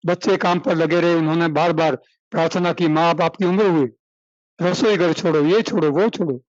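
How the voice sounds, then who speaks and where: A man's voice: on the high side, steady tone, moderate pace, no room sound, muffled recording. A male spiritual teacher giving a devotional sermon, repeating phrases, chanting verses and fondly calling his listeners child. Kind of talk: devotional sermon to a seated audience.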